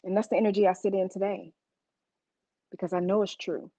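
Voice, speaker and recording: A woman's voice: mid-range voice, little pitch movement, brisk, mellow, no echo. A woman preaching a sermon, telling stories to the congregation in a conversational, emphatic way.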